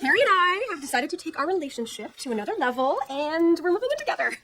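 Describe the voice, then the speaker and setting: A woman's voice: very high voice, big pitch swings, fast talker. An actress playing an earnest single woman who dotes on her late cat and talks in a gushing way. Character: cat-loving single woman named Linda. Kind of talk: sitcom acting. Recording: TV audio with background noise.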